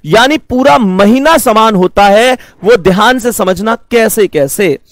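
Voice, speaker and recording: A man teaching a math lesson, explaining slowly, repeating points and calling his students fondly. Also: sits high, expressive, no echo.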